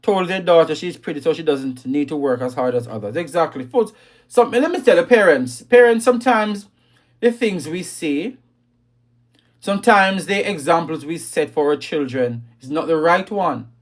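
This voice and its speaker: A man's voice: fairly high pitch, lively intonation, moderate pace. Emphatic, scolding male livestream host. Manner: emphatic, repeats key lines, scolding; reads out viewer comments. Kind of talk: live talk on parenting.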